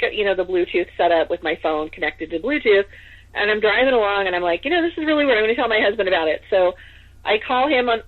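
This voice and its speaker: A woman from Northern California telling a personal story as a podcast guest, in a casual chatty way full of fillers. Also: medium pitch. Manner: chatty, full of "like" and "you know". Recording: tinny phone-like line.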